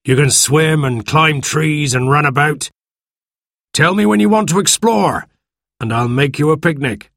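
A man voicing a one-legged pirate cook who is scheming and falsely friendly, pitched higher and slow. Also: creaky, fairly bright tone, dry recording, clean studio sound, exaggerated voice.

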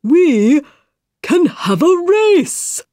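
A large, important male dodo who declares everything loudly and with total confidence, voiced by a woman storyteller. His voice is pitched high and moves a lot, and he speaks very slowly. The sound is dry and close. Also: big pitch swings, no room sound, exaggerated voice. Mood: bossy. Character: large, important-looking male dodo bird, bossy and cheerful.

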